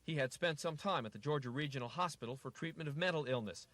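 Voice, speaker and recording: An American man reading scripted television news narration as a reporter, in a measured, formal broadcast delivery. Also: fairly high pitch, fairly bright tone, no room sound. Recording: noisy 1980s TV news tape, street noise.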